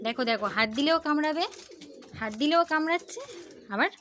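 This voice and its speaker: A woman's voice: high-pitched, fast talker, heavy background noise. A woman casually coaxing her pet birds to call out, with chatty commentary to the viewer in between. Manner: coaxing, repeatedly calling and urging the birds. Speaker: vlogger. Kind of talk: casual home vlog talking to pet birds. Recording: loud bird chirps and cooing nearby.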